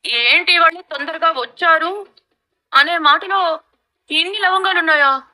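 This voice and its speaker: A woman's voice: sits high, lively intonation, fairly quick, pushed and bright, exaggerated voice, low-quality recording. Scheming mother-in-law. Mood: prying. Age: middle-aged. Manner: sarcastic, scornful. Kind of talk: TV serial acting.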